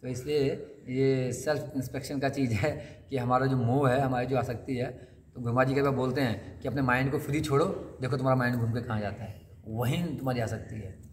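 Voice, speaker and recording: A man's voice: medium pitch, fairly even intonation, a little fast. A man giving a conversational sermon at a scripture class, asking his listeners questions and acting out the lines he quotes. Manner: conversational, asks the audience questions and acts out quotes. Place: temple hall. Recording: long hall reverb, faint noise.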